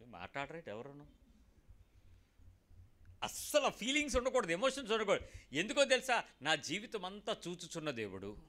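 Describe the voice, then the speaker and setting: A man preaching a sermon, animated, asking rhetorical questions, calling on the congregation to answer, and mixing in English phrases. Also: high-pitched, normal speed, pauses often.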